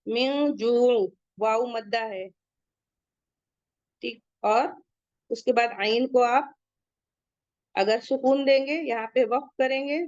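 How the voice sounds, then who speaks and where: A woman teaching Quran recitation rules step by step, reciting each word slowly and quizzing her students on the rules. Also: a little high, darkish tone, dry recording, dull audio. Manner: asks students questions and checks their answers. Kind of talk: tajweed lesson with recitation.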